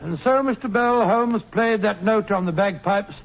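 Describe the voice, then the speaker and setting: A man's voice: high voice, moderate pace, soft background music. An actor playing an anxious, loyal male doctor companion in an old radio play, speaking in an earnest, fretful way. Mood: recounting. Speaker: sidekick and narrator in a radio play. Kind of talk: 1940s radio acting. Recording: muffled old radio recording.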